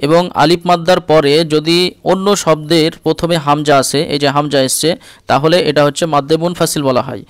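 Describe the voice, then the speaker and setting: A man with a slightly high, smooth and resonant voice leads a patient Quran reading lesson. He spells out each letter and vowel mark, then chants the words in a drawn-out way, checking in often with his learner. The sound is dry and close, with no room around it. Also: steady tone, no echo. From India. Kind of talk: step-by-step recitation lesson.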